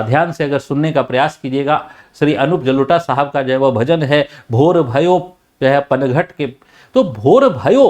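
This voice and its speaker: A man giving an explanatory lecture on music, full of filler phrases and restarts, and at times he shows loud and soft speaking as he talks. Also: on the high side. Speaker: teacher.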